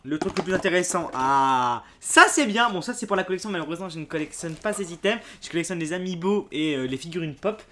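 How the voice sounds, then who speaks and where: A young man talks through an unboxing in a casual, excitable way. His pitch jumps around a lot as he reacts to each item, and he keeps breaking into exclamations. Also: fast talker, hardly any pauses. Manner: excitable, exclaims and laughs at items. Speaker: YouTuber unboxing a subscription box.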